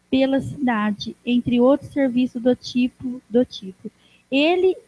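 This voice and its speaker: A woman with a Brazilian Portuguese accent reads a formal tribute aloud in a council chamber, stumbling and restarting words as she goes. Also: no echo. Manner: halting, restarts words while reading. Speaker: council member giving a tribute. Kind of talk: slow formal reading of a tribute. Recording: dry, dull low-fi sound.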